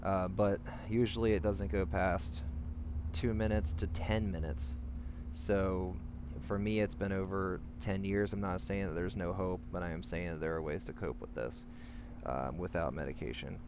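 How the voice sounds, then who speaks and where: A man talking candidly to camera with advice while in an anxious, panicky state, halting and rambling as he corrects himself. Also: low voice, fairly even intonation. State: in the midst of a panic attack, anxious. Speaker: vlogger sharing panic attack coping advice. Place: outdoors. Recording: clearly noisy, humming background.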